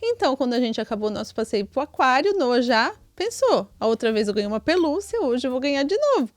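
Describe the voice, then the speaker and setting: Brazilian woman podcast co-host, lively storyteller, slightly high voice, dry close sound, soft music under. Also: fast talker, no echo. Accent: Brazilian Portuguese. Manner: chatty, many tag questions. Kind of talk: casual storytelling chat.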